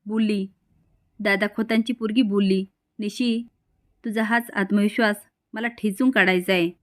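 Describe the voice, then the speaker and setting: A woman's voice: mid-range voice, fairly even intonation, normal speed, natural voice. A woman narrator voicing a scheming older mother-in-law who sounds sweet but threatens underneath, in a storytelling recap. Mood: spiteful.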